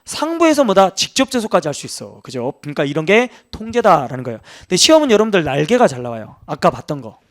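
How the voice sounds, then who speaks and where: Man, law lecturer for exam prep, high and very animated delivery, casual teasing style. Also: fast, hardly any pauses. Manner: animated, acts out quoted officials in rough banter. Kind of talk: lively lecture with acted anecdotes.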